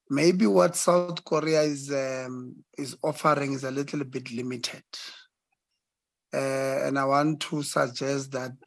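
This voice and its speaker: Slow, halting man in committee. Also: fairly high pitch, no echo. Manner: halting, with many fillers. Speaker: committee member. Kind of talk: formal committee debate.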